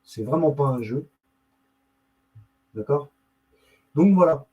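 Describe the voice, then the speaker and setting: On his own YouTube channel, a host muses and rambles through screen-share commentary, breaking off and muttering as he looks things up. His voice is on the high side, mellow and lively in intonation, and he takes it slowly, though the audio is poor.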